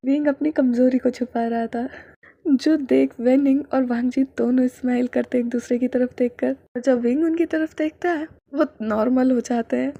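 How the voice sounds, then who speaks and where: Warm-voiced woman storyteller. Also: high-pitched, moderate pace, creaky, no room sound, dull audio. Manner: steady, plain narration. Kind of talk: reading a fan story aloud.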